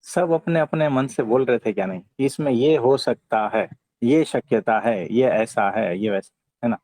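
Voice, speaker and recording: A man with an Indian accent giving a conversational spiritual discourse, teaching in a calm, gentle way and often checking for agreement. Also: mid-range voice, measured pace, dry recording. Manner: didactic, often seeks agreement with short tag questions. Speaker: spiritual teacher answering devotees' questions.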